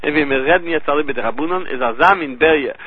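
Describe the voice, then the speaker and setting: A man's voice: on the high side, fast, breathy edge, dry recording. A man with a Yiddish accent teaching a Talmud lesson, reasoning through sources in a sing-song study cadence and mixing in Hebrew terms. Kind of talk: Talmudic lecture. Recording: tinny lo-fi phone-line audio.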